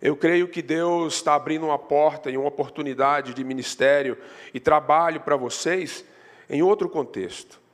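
A Brazilian man preaches in a church, his voice sitting a little high for a man. He tells stories, lifting his pitch and force when he drives a point home. A long reverb trails each phrase through the sanctuary. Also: moderate pace. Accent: Brazilian Portuguese. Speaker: pastor. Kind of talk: sermon.

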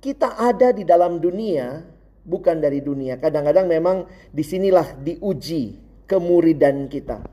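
A man's voice: fairly high pitch, normal speed. A young adult man preaching a sermon, telling stories with energy and acting out his friends' lines. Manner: lively storytelling, acts out quoted friends, laughs along.

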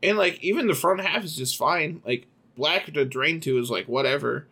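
A man's voice: on the high side, moderate pace, sharp tone. A man co-hosting a casual podcast, chatting loosely about a card game, laughing easily. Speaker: podcast co-host.

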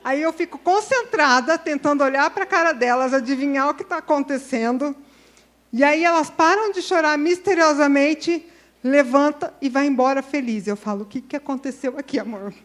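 A high-pitched woman with a Brazilian Portuguese accent preaches to a women's gathering in a loose, conversational way. She jokes at her own expense and slips into quick acted-out exchanges between people. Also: fairly bright tone. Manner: chatty, self-deprecating, acts out dialogues. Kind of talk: informal sermon.

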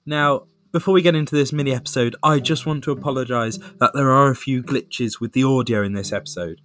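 A man co-hosting a podcast in relaxed, halting chat. He pads his talk with fillers and restarts. He speaks into a microphone on a remote call. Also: mid-range voice. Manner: chatty, hesitant with fillers. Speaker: podcast co-host. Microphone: remote call mic.

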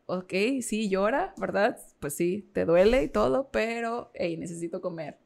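A woman's voice: medium pitch, a little slow, gravelly, a little mellow. A woman, a podcast guest telling a personal story with feeling and many fillers. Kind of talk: casual interview chat.

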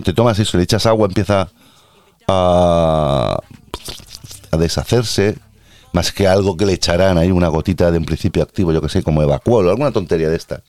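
Crude, rambling low-voiced man. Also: a little mellow, no echo. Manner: crude, rambling, self-mocking. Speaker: host. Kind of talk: comic personal monologue.

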